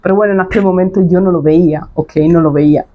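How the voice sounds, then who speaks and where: A woman's voice: lowish voice, steady tone, fast talker, phone-quality sound. A woman in her thirties, a coach talking straight to camera in a casual monologue, emphatic and blunt, repeating her points and dropping slang. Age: 30s.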